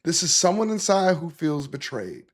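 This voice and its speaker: A man's voice: a little high, sing-song, normal speed. A man hosting a political commentary show, talking in an emphatic, conversational way and reacting to the clips he plays. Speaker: podcast host.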